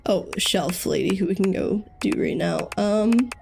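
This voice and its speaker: A woman's voice: medium pitch, measured pace, gravelly, noisy background. A young woman giving casual let's-play commentary, chatty and thinking aloud with frequent ums. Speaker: gaming YouTuber.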